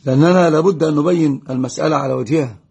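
A man giving a live religious Q&A lesson, answering viewer questions quickly and greeting and blessing viewers by name. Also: a little high, creaky, darkish tone, breathy edge. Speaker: religious teacher.

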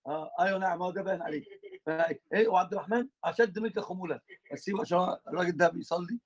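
A man with an Egyptian accent teaching a religious lesson, animated and teasing his students, switching between colloquial and formal Arabic. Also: sits high, racing.

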